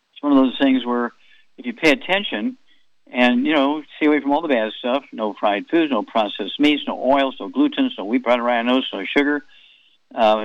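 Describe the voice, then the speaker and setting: A man's voice: mid-range voice, no room sound, lo-fi sound. A man in his eighties hosting a radio health talk, rambling and folksy with chatty asides. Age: 80s.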